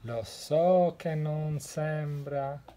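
A woman voicing a small, clever, boastful male mouse from a children's storybook, speaking in a slow, sly way. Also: deep voice, fairly even intonation, mellow.

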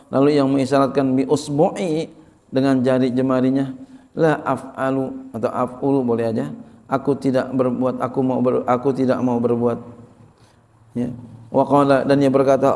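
A man, teaching as an Islamic teacher, reading an Arabic religious text and explaining it phrase by phrase, repeating key words with frequent soft exclamations. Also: medium pitch, level tone, moderate pace. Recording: long hall reverb.

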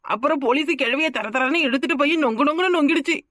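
A quarrelsome young village wife in a cartoon, played by a woman, pouring out her grievances. She talks high and quick in a stream of complaint. The recording is close and dry. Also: fairly bright tone, no echo. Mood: lamenting. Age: young adult. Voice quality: rapid, complaining talk. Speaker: cartoon character. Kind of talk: cartoon voice acting.

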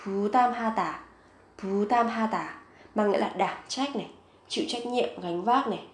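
A woman teaching a vocabulary lesson, saying each word several times, slowly and clearly. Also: medium pitch, roomy sound. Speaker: Korean language teacher.

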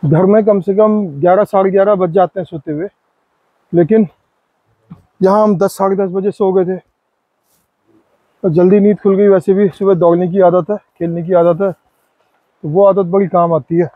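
Camping by a forest river, a man in his forties narrates a casual vlog for viewers and friends on a phone camera held close to him. He talks in a high, steady voice at a moderate pace, leaving long pauses. The sound is narrow and tinny, with no room sound.

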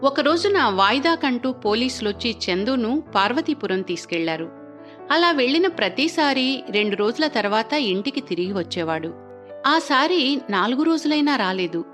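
A woman reading an autobiography aloud in an earnest, measured storytelling manner, lifting and dropping her voice for the people she quotes. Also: fairly high pitch. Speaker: audiobook reader.

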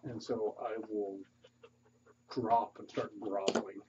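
Mellow-voiced man playing a tabletop game. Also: lowish voice, fairly even intonation, slow, a little hiss or hum. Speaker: player. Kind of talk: casual tabletop game play. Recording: muffled lo-fi table recording.

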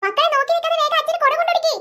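A woman's voice: very high-pitched, fairly even intonation, very fast, heavy background noise. A woman voicing a bossy cartoon mother who scolds and hurries her children. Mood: scolding. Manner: scolding, hurrying.

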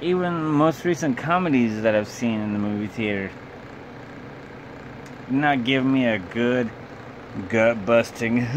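A man's voice: medium pitch, low-quality recording. A young man, drunk, giving a loose, blunt, sweary casual video review in a small room. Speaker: amateur film reviewer. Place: small bedroom, indoors. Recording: clear background hum and noise.

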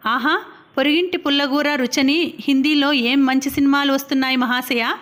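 A woman's voice: sits high, moderate pace. A woman reading an audiobook, voicing a playful, witty young woman. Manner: lively, teasing.

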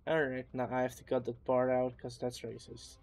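A man's voice: medium pitch, monotone, moderate pace, creaky. A young man with a Dutch accent, chatting bluntly and swearing while playing an online game with friends. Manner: blunt, swears a lot, mock outrage. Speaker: gaming channel host. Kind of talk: casual gaming chat.

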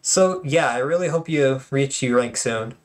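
Speaking at a moderate pace in a medium-pitched voice, a man casually commentates tournament replays on his own channel. He's chatty and jokey, often using fillers and starting sentences over.

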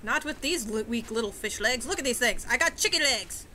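A woman's voice: a little high, lively intonation, brisk, pushed and bright, slight background noise. A young woman giving goofy, sarcastic let's-play commentary with mock-old-fashioned quips. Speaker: gamer.

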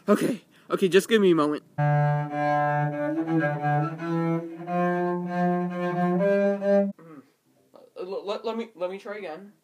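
A woman voicing a scrawny boy who makes bad jokes in an animated short, talking awkwardly and stammering. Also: mid-range voice, unhurried, long pauses, faint music behind, lightly acted. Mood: flustered.

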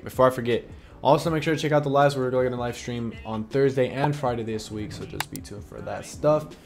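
A man's voice: mid-range voice, fairly quick, vocal fry. A young man on a gaming headset chatting casually about his gameplay and hyping up the fights. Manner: excitable, shouts during fights. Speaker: gaming YouTuber. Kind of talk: casual gameplay chat and vlog intro.

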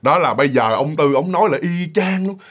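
A man with a Southern Vietnamese accent telling a ghost story in a casual, animated way, often addressing listeners directly. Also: a little high, fairly quick, husky.

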